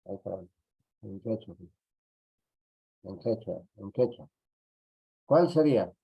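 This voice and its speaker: Peruvian guy teaching a class online, really slow, keeps tacking on little questions, muffled lo-fi computer mic. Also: lowish voice, expressive, gravelly, husky. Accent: Peruvian Spanish. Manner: slow, repetitive, tag questions. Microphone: computer mic on a video call. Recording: dull lo-fi audio.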